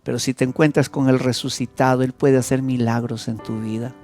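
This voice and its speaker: A man with a Peruvian accent preaching an evangelistic sermon as a pastor, telling the story with dramatic swings between loud and soft. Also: level tone, fairly quick, soft background music. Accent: Peruvian Spanish. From Peru. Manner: emotive, dramatic storytelling with wide swings in pitch and loudness.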